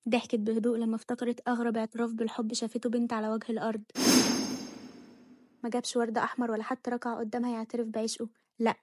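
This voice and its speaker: Brief: egyptian woman narrating a romance novel, very fast, monotone, dry close sound. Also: fairly high pitch, slightly rough, dry recording. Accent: Egyptian Arabic. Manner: rapid, flat storytelling.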